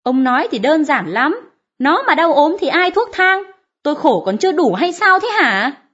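A shrill peasant wife, as a woman acts her out, high-pitched and swinging wildly up and down as she nags and scolds. Her harsh, bitter voice comes through a dull, lo-fi audiobook recording. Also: big pitch swings, moderate pace, a bit bright. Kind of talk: audiobook character reading.

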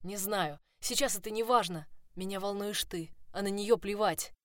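A woman's voice: medium pitch, normal speed, fairly bright tone, no room sound, clean studio sound, lightly acted. Woman reading a pleading young man in love.

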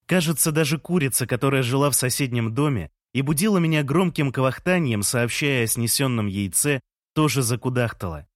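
Calm male audiobook narrator. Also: mid-range voice, fairly quick, no room sound, clean studio sound. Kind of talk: first-person audiobook narration.

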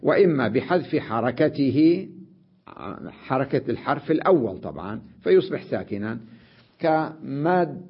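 A man teaching an Arabic grammar lesson, sounding out letters slowly, repeating examples and often checking that the listener follows. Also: mid-range voice, expressive, husky, highs cut off. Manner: addresses the listener directly with checks like "notice" and "right?".

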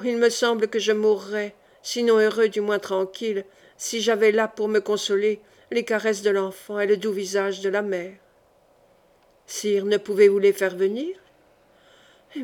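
A woman voicing a dying, weary king who speaks softly and confidingly in an audiobook reading. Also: close to an everyday voice. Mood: sorrowful. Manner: soft, low-voiced confiding.

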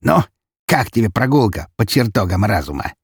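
A man's voice: fairly low pitch, sing-song, normal speed, breathy edge, dry recording, clean studio sound, heavily acted. A man voicing a cruel, menacing nobleman who snarls harsh threats and drags out his words. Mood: mocking. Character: cruel menacing nobleman count, brutal and cold.

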